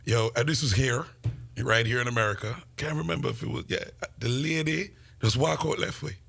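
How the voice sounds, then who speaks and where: A man's voice: mid-range voice, brisk, gravelly, a bit bright, faint music behind. A middle-aged man hosting a casual radio chat, laid-back and joking. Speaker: radio host.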